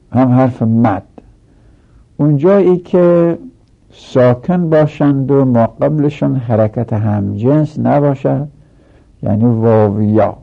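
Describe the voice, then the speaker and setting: Man, gravelly husky voice, methodical grammar lesson, dull lo-fi recording. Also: medium pitch. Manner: explains step by step with repeated examples. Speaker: teacher. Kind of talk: textbook commentary lesson.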